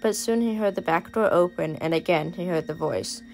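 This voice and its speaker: Low-voiced woman reading a scary story. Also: normal speed, creaky, soft background music, rough recording. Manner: dramatic storytelling, varying loudness for suspense. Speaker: storyteller and artist. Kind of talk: reading a horror story aloud.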